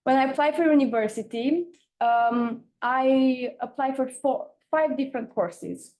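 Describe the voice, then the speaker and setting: A young woman from Romania with an Eastern European accent, giving an informal conference talk with frequent hesitant pauses. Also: high-pitched, darkish tone. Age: young adult. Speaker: campaigner, panel speaker.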